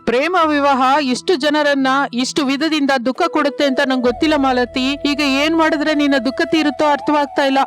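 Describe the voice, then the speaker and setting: Soft sorry young husband in a cartoon, voiced by an actor, high voice, loud music under it. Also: steady tone, brisk, few pauses, close to an everyday voice. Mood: gentle. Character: young husband, gentle and apologetic. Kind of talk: cartoon story dubbing.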